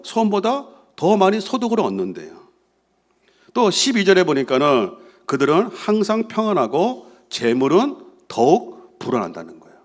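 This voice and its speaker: A man from Korea preaching a sermon, asking the congregation questions and acting out the voices of doubters. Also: a little high. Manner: animated, acts out voices of doubters and mockers; asks the congregation questions and answers with "예". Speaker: pastor.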